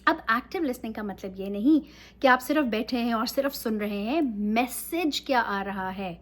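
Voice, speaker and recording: A woman's voice: on the high side, animated, moderate pace, fairly bright tone. A woman teaching English in a casual talk, mixing Urdu and English and often checking in with her listeners.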